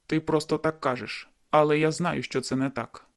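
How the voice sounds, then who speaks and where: A woman reading an audiobook and voicing a stubborn, cocky young man in love, in a lowered, insistent and teasing voice. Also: steady tone, moderate pace.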